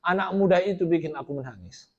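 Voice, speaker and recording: High-voiced man preaching a storytelling sermon. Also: fast, a little mellow, lo-fi sound. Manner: quotes Arabic, then explains it in plain talk; asks the audience rhetorical questions. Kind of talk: storytelling sermon to a women's study group. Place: Islamic study gathering.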